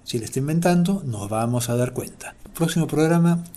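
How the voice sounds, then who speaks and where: A man's voice: on the high side, lively intonation, fairly quick, warm tone. A man with a Peruvian Spanish accent hosting a language segment and explaining words in a playful way. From Peru. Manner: playful, acts out everyday quotes. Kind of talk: explanatory talk.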